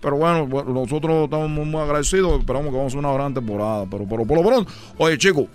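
A man's voice: on the high side, racing, close to an everyday voice. A man voicing a boastful, rambling Cuban male baseball player with a put-on Cuban accent in a comedy radio sketch. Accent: Cuban Spanish, put on.

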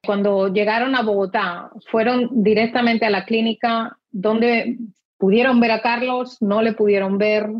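A woman interviewer asking calm, gentle questions. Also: on the high side, measured pace, muffled recording.

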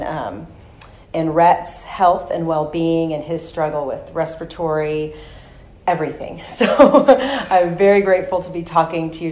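A woman with a lowish, slightly mellow voice hosts a podcast and works as a health coach. She addresses listeners and guests in a mix of podcast interview and scripted promo.

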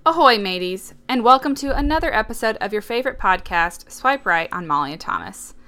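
A woman co-hosts a casual podcast with a bright, crisp voice. She talks in a wry, skeptical way and sounds amused by what she describes. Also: fairly high pitch, sing-song, fairly quick. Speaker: podcast co-host.

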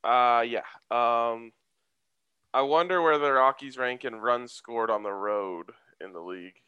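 A man's voice: medium pitch, measured pace, sharp tone, clear, resonant tone, no echo, highs cut off. A man co-hosting a sports betting show, with casual banter and loosely delivered ad reads.

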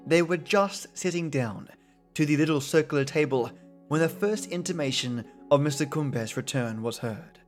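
A man reading a classic story aloud in measured, dramatic storytelling narration. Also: on the high side, soft background music.

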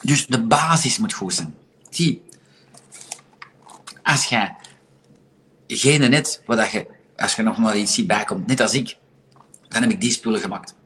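A man's voice: lowish voice, measured pace, pauses often, a bit bright. A man with a Flemish accent hosting a casual livestream, talking bluntly and sarcastically and often asking rhetorical questions. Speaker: livestream host.

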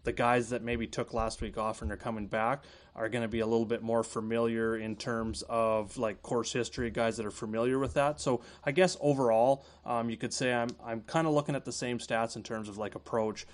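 A man's voice: medium pitch, brisk, hardly any pauses. A man with a Canadian accent giving casual golf betting analysis, talking loosely with many fillers. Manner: relaxed, filler-heavy, thinks aloud. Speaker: fantasy golf analyst guest.

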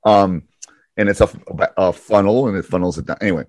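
A man's voice: low voice, fairly quick, a little mellow, no room sound. A man hosting a basketball podcast, rambling casually with lots of fillers and restarts. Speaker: podcast host, basketball coach.

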